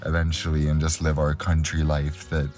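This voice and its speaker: A man's voice: extremely low pitch, completely flat delivery, moderate pace, a little mellow. A man from Europe talking casually and narrating as a travel vlogger. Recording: music in the background. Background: music.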